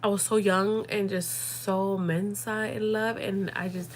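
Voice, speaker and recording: At a measured pace and with little pitch movement, a young woman chats on a casual livestream in a medium-pitched voice. Her talk rambles, is thick with fillers and now and then slips into Spanish.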